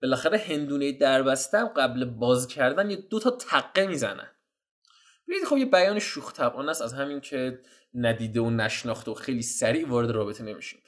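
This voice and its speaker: A man giving casual, slangy dating advice while walking viewers through chat screenshots. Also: mid-range voice. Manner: slangy, animated, addresses viewers as "guys". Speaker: dating coach.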